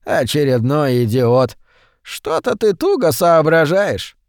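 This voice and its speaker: A man voicing a frail, sinister old man who talks slowly in a peevish, grumbling way. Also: a little high, sing-song, no room sound, clean studio sound, full character voice.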